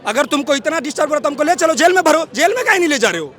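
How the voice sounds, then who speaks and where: A high-voiced young man speaks fast and urgently as a student leader at a street protest. He sounds heated and defiant, pitching his voice up over the crowd around him. The crowd noise of the outdoor protest is loud and clear behind him. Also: lively intonation. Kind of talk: agitated street protest interview.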